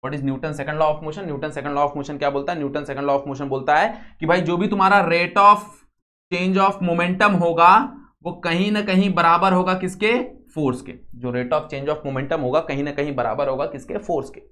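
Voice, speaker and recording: A young man with an Indian accent giving a physics lesson, going slowly step by step and often asking the class yes or no. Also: on the high side, pushed and bright. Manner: repeats steps, quizzes students often. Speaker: physics teacher. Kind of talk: classroom lecture.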